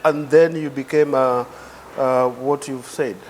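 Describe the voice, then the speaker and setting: A man's voice: mid-range voice, fairly even intonation, unhurried, slight background noise, poor audio. A man interviewing a guest in a casual conversation, asking curious follow-up questions and affirming often with short murmurs.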